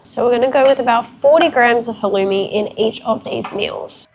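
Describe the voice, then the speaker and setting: A young woman who is a fitness vlogger chats frankly and cheerfully while walking through a cooking tutorial in her home kitchen. Her voice is fairly high and congested, sounding sick, and she speaks at a moderate pace with background noise present.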